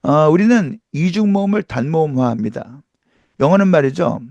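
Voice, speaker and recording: Middle-aged male pronunciation teacher, emphatic and animated, fairly high pitch. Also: moderate pace, vocal fry, no echo, highs cut off. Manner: emphatic, rhetorical questions, demonstrates sounds. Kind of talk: lively online lecture.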